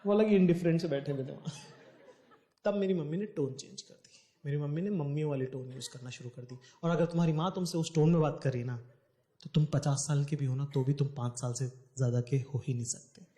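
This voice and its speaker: Animated male stand-up storyteller. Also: a little high, brisk. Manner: animated, acts out voices, shifts between hushed and loud. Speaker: stand-up comedian. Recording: echoey stage with faint noise.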